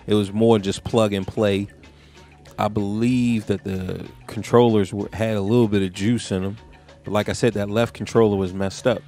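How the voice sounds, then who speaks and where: Male tech reviewer, raspy low voice, chatty and rambling, casual vlog delivery. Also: steady tone, moderate pace, dark tone, faint music behind. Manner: slangy, rambling storytelling with many fillers.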